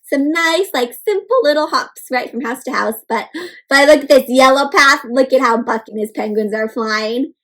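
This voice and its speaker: Speaking at normal speed with a high-sitting voice, a woman brings a children's storybook to life in an interactive read-aloud. She's animated, asking the young listeners questions and adding playful sounds and exclamations.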